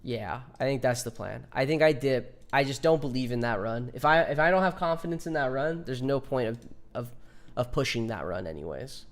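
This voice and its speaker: A man in his twenties streams a game, chatting casually with viewers in an animated, mid-range voice at a fairly quick pace. He's laid-back, jokes with chat and swears often.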